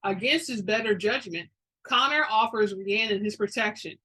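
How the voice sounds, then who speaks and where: Woman, bright forceful voice, middle pitch, dramatic story reading, informal narrator. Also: normal speed, slightly rough, poor audio. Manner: informal asides, stumbles over words. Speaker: reader of a romance fantasy novel.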